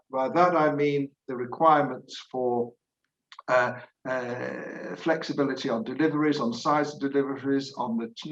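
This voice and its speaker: A man speaking as an industry expert panelist, measured and emphatic, repeating words for stress. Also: medium pitch, a bit bright. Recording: echoey, dull call audio.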